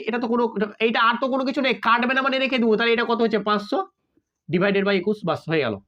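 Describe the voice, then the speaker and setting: A man's voice: extremely high pitch, a bit bright. A man teaching a math lesson in a casual way, talking straight to his students and often checking that they have understood. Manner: talks straight to students, asking "got it?" often. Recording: slightly dull lo-fi audio.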